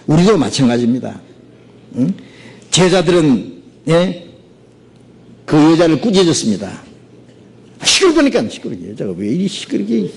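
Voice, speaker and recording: A male pastor delivering a sermon in a somewhat high, very lively voice. He swings his pitch freely for emphasis. He keeps checking in with quick rhetorical prompts to his listeners. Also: slightly rough, poor audio. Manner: animated, peppers talk with rhetorical "예?".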